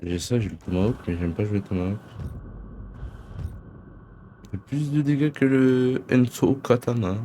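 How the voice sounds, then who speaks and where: A man's voice: medium pitch, a little slow, long pauses, warm tone. A young man giving casual, slangy gameplay commentary, half muttering to himself and his viewers. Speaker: video game streamer. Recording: faint background game noise.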